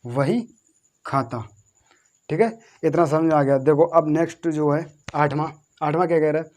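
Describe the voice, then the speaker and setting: A man's voice: fairly high pitch, a little mellow. A man teaching a lesson on English spelling, repeating each word and spelling it out letter by letter, asking questions and answering them himself. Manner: repetitive, drills words slowly letter by letter.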